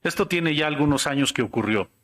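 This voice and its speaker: A man giving an academic conference talk, measured and explanatory. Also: fairly high pitch, expressive, fairly bright tone. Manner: measured, explanatory, tells anecdotes. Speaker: lecturer.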